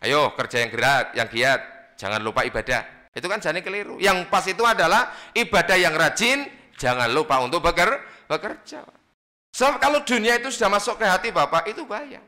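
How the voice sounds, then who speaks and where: A male Islamic preacher giving a lively sermon, acting out little dialogues. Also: fairly quick. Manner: lively, acts out little dialogues with big pitch swings. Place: radio studio or mosque gathering.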